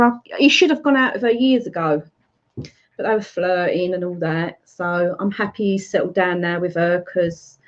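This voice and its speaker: A middle-aged woman with an Essex accent hosting a casual livestream chat, greeting viewers by name and laughing often. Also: medium pitch. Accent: Essex English. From Essex, England. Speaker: livestream host. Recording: slightly muffled lo-fi stream audio.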